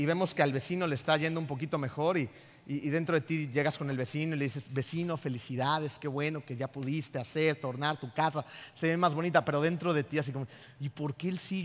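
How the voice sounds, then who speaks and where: This is a pastor preaching a sermon with lots of energy, checking in with the congregation again and again through rhetorical questions. His voice sits fairly high for a man, and the long reverb of a church hall hangs behind him. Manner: animated, asks the congregation many rhetorical questions.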